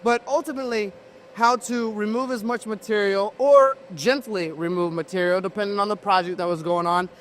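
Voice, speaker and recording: Male tour guide host for a factory video, high voice, presents to viewers and puts questions to a guest. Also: steady tone, moderate pace, fairly bright tone, slight background noise. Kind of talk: on-camera presenting and interviewing.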